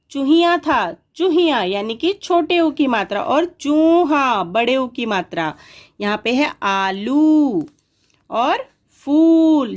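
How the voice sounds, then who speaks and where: A woman teaching a worksheet lesson to young children, patiently sounding out words syllable by syllable. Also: fairly high pitch.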